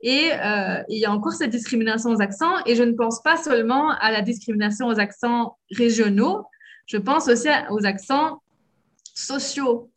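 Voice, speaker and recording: A woman from Belgium with a softened Liège accent, explaining her views in a casual conversation with frequent hesitations. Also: fairly high pitch, normal speed. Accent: Belgian French, from Liège, softened.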